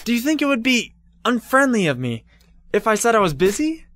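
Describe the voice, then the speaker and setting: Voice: mid-range voice, big pitch swings, a little fast, a bit bright, no echo, clean studio sound. A performer playing a meek, naive little man, humble and earnest, in an audio storybook drama. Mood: meek, apologetic. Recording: faint background noise.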